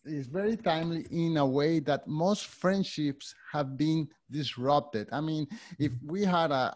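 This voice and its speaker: A male podcast host with a Spanish accent and a voice pitched a little high for a man. He interviews a guest, pausing and repeating words as he searches for what to say. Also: a little mellow. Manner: hesitant, restarts and repeats words.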